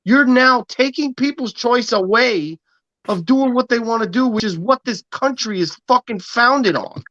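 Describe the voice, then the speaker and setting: A man's voice: very high-pitched, unhurried, bright, forceful tone, dry recording, dull audio. A man in his early thirties hosting a podcast, ranting emphatically and preachily with lots of swearing. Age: 30s. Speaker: podcast host. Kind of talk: casual podcast rant.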